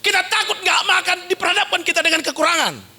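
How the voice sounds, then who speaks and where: A man's voice: very high voice, fast. A male pastor preaching a sermon, telling stories with mimicked sounds and often raising his voice for emphasis. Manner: animated storytelling with sound effects and shouted emphasis.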